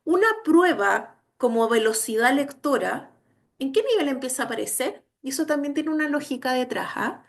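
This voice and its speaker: A woman's voice: high voice, animated, normal speed, creaky. A woman giving an instructional lecture on educational assessment, emphatic and often checking that listeners follow. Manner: emphatic, checks understanding with frequent tag questions. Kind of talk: online training lecture.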